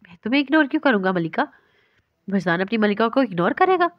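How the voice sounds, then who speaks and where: A woman voicing a tender young man who speaks softly and coaxingly on the phone, in a dry, slightly dull recording. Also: on the high side, sing-song, no room sound.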